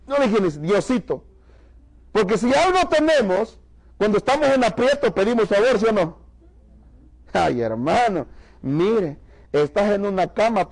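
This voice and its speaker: A man's voice: high-pitched, low-quality recording. A man from Mexico preaching to a church congregation, giving an emphatic testimony and calling the listeners brother. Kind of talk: sermon testimony.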